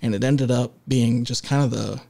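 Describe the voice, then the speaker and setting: A man co-hosting a relaxed music podcast, talking in a mid-pitched, gravelly voice. He stops and restarts often, filling gaps with "uh" as he steers the conversation. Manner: halting, many filler sounds and restarts; leads the discussion and segues. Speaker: podcast co-host. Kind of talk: casual music podcast chat.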